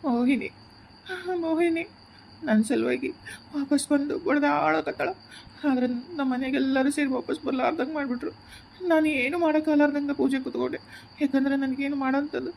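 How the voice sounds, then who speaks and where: A woman's voice: mid-range voice, steady tone, fast, darkish tone, a little hiss or hum, natural voice. A woman voicing a grieving young husband in a cartoon who rejects his new wife, with a North Karnataka Kannada accent, bitter and stubborn. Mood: tearful. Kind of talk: cartoon voice acting. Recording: muffled lo-fi home recording.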